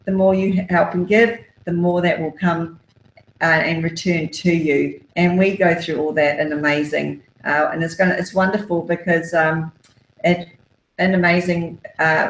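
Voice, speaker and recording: Encouraging woman, lowish voice. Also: a little hiss or hum. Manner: upbeat, encouraging, many fillers. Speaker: author and guest. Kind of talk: motivational self-help talk. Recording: roomy echo.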